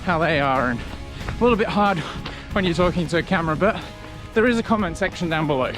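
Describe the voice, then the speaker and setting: A man talking casually to camera as a running vlogger, in a reflective, conversational way with halting short phrases. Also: on the high side, lively intonation, over music. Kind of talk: casual vlog talk to camera.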